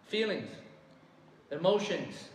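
A man teaching a religious lesson to a class, quizzing his students often and reciting Arabic verses quickly. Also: high-pitched, expressive. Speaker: Islamic teacher. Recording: echoey hall from far off.

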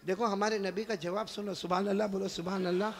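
A man preacher telling a story at a live religious gathering, swinging from hushed narration to shouted exhortation and calling on the crowd to answer. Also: high-pitched, steady tone, fast talker, long reverb tail. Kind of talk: dramatic storytelling sermon.

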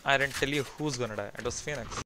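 A man's voice: mid-range voice, fast talker, noisy background. A young Indian-accented man bantering casually on a game livestream, mixing English with Hindi. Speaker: game streamer. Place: indoor room at a streaming desk.

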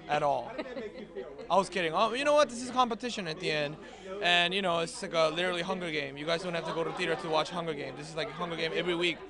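Guy with a slight accent cracking deadpan jokes, bit high voice, loud crowd behind. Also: fast. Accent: slight foreign accent. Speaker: interviewee, singing contestant. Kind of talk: joking red-carpet chat.

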